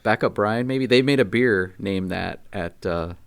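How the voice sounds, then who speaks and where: A man's voice: lowish voice, a little slow, gravelly, clear, resonant tone. A man co-hosting a casual podcast, chatting and asking questions. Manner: conversational, asks questions. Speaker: podcast co-host. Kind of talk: casual chat.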